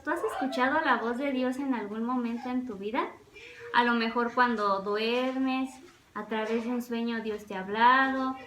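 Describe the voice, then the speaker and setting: A woman's voice: fairly high pitch, a bit bright, reverberant, slight background noise, rough recording. A woman Sunday school teacher telling a Bible story to children, talking to the listener directly and asking them questions.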